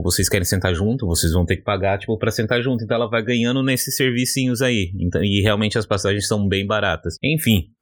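A man from São Paulo with a São Paulo accent hosts a casual podcast. His voice sits fairly low, and he rambles through his anecdote with lots of fillers and restarts. The sound is dry and close. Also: no room sound. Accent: São Paulo Brazilian Portuguese. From São Paulo, Brazil. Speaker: podcast co-host.

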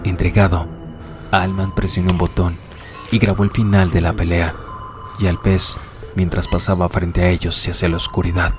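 Low-voiced guy narrating steadily, music under him. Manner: steady, measured storytelling. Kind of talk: scripted narration.

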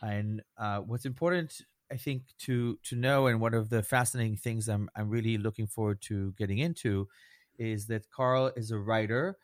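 An American man hosting a conversational podcast, speaking haltingly and circling his points with frequent little tag words. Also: lowish voice, no echo, studio quality. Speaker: host, rabbi.

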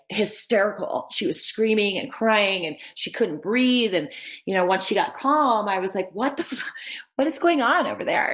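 A woman telling travel stories as an interview guest, lively and rambling, with lots of restarts. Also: lowish voice. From United States. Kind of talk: casual storytelling.

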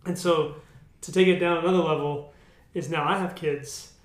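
A man's voice: fairly high pitch, steady tone, normal speed, echoey room. A man in his thirties co-hosting a casual faith discussion, candid and self-deprecating, with many restarts. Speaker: podcast co-host.

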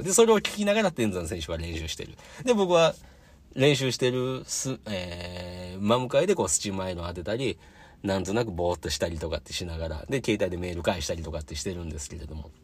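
Husky, lively Kansai man telling stories. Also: lowish voice. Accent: Kansai Japanese. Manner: chatty, animated, acts out the voices in his anecdotes. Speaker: podcast host. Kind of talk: casual solo podcast storytelling.

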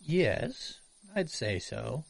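A man's voice: mid-range voice, very animated, very slow, vocal fry, slight background noise, heavily acted. A man voicing an arrogant, pompous, scheming lord in a tabletop game.

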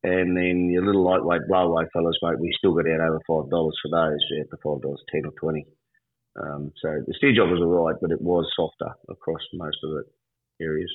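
A man's voice: deep voice, little pitch movement, fairly quick. A man with a rural Australian accent giving a casual livestock market report on radio in a laconic, colloquial outback drawl. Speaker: livestock agent interviewed as guest. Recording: roomy, phone-like line.

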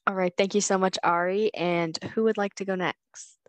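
A woman's voice: medium pitch, steady tone, moderate pace. A young woman hosting a podcast in a casual, chatty way. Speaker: podcast host.

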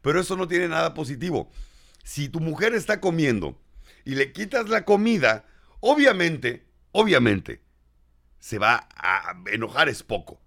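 A middle-aged man with a Mexican accent, hosting a radio show in casual comic banter, animated and jokingly indignant. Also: fairly high pitch, normal speed, creaky.

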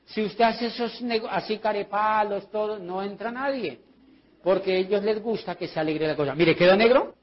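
A man's voice: high-pitched, moderate pace, lo-fi sound. A man with a Colombian accent giving a sales training talk, telling stories and acting out his conversations. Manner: lively storyteller acting out his dialogues.

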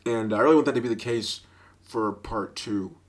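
At a normal speed, this deep-voiced young host rambles through lively stories on his solo, casual podcast. Laughter and filler words run throughout, and he uses an inexpensive mic with a sock for a pop filter.

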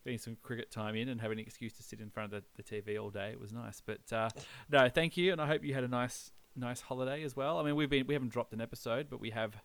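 A man's voice: mid-range voice, fairly even intonation, fast, few pauses, a bit bright. An Australian man hosting a podcast in casual chat, with a laconic, laid-back drawl. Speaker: podcast host.

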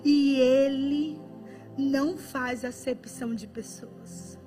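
A woman's voice: sits high, fairly even intonation, slow pace, over music. A woman preacher giving a fervent, emotional sermon, her voice often breaking with tears.

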